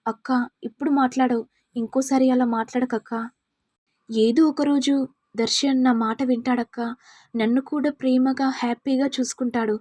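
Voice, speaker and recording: A woman voicing a meek, patient young wife who speaks softly and pleadingly. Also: high voice, fairly even intonation, moderate pace, no room sound. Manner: soft, pleading.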